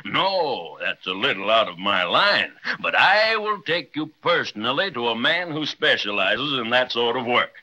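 Hearty old Santa Claus, ringing and animated. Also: male voice, medium pitch, normal speed, few pauses, heavily acted, rough recording. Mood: kindly, reassuring. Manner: hearty, chuckling, grandfatherly. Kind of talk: 1930s radio acting.

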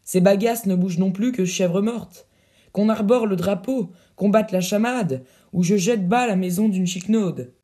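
A man's voice: sits high, moderate pace, warm tone, close to an everyday voice. A man doing a pompous braggart captain. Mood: indignant bluster. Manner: pompous, grandiloquent bluster. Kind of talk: audiobook reading.

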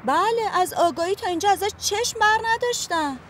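A woman's voice: very high voice, animated, a little hiss or hum. An actress playing an anxious woman who passes on the mother's words to the family.

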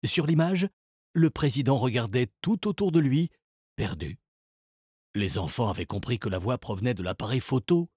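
A man narrating a children's story in an expressive, animated storytelling voice. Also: medium pitch, normal speed, breathy edge, no echo, studio quality. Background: music.

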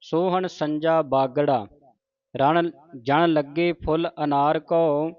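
Slow, measured male recitation teacher. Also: fairly high pitch, fairly even intonation, no room sound, lo-fi sound. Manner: measured, chanting recitation with spoken corrections. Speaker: Gurbani pronunciation teacher. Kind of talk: slow recitation lesson with corrections.

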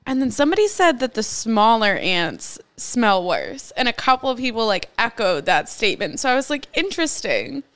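Young female podcast co-host, slightly high voice, casual comedic banter, dry studio-close sound. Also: big pitch swings, moderate pace, few pauses, fairly bright tone, clean tone, dry recording.

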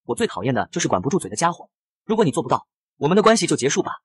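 Man reading a smooth rich young schemer, pleading, soft-spoken, comic story voice. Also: a little high, big pitch swings, rapid-fire, dry recording, studio quality. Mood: tense. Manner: coaxing, pleading, softly persuasive.

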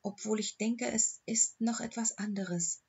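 A faithful old dog speaks with calm, gentle devotion, voiced by a woman reading an audiobook. Her tone is soft and a little husky, steady at a middle pitch. The recording sounds slightly dull and lo-fi. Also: unhurried. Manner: calm, soothing, matter-of-fact.

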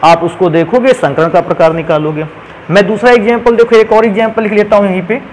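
Male chemistry teacher, high pitch, patient step-by-step board explanations, light background noise. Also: fast, poor audio. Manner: explains step by step, calls students "beta". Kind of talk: whiteboard lesson.

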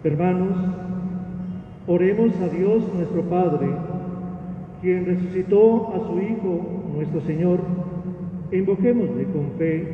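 A priest, a man, leading a funeral mass in slow, solemn, halting prayer, heard with heavy cathedral echo. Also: sits high. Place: large church. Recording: echoey church from far off, lo-fi and noisy.

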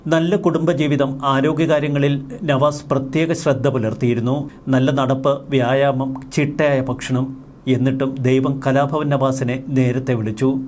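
A man reading a scripted news voice-over in a solemn, measured way. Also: medium pitch, a little mellow, a little hiss or hum. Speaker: news narrator.

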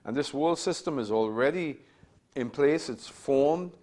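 A man's voice: medium pitch, lively intonation, a little slow, a little mellow. A man in his fifties giving a Bible class lecture, emphatic and repetitive, asking rhetorical questions while standing at a lectern in a small room. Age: 50s. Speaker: Bible teacher.

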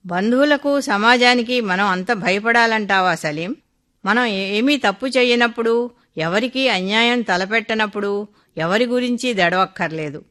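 Woman voicing older man, devoted friend, earnest, affectionate, bright forceful tone, storybook reading. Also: fairly high pitch, unhurried. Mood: joyful.

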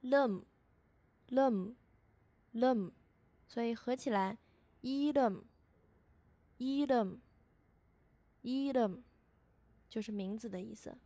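A woman teacher narrates a beginner lesson with a somewhat high voice. She repeats each syllable slowly and patiently so learners can follow. The recording is dry and close, with no room sound. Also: warm tone, dry recording. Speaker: language teacher. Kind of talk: scripted lesson voice-over.

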